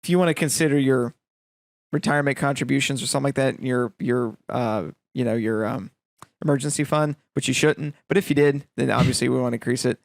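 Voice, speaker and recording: 男人，嗓音带沙哑气泡音，闲聊播客. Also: male voice, mid-range voice, a little fast, gravelly, dry recording. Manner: storytelling with acted-out quotes and fillers. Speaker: podcast co-host. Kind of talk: casual chat.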